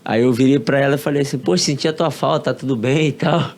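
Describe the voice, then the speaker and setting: A man's voice: mid-range voice, fast, a little mellow. Male podcast guest, Carioca accent, easygoing slangy storyteller who acts out quotes. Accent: Carioca Brazilian Portuguese. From Rio de Janeiro, Brazil. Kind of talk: casual storytelling.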